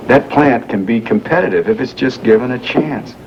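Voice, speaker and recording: An actor playing a wealthy young man who has posed as a factory worker, explaining himself earnestly with halting fillers, in 1980s daytime soap acting heard from a worn VHS tape copy. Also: medium pitch, darkish tone. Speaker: businessman explaining a masquerade. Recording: muffled hissy worn videotape of a TV broadcast.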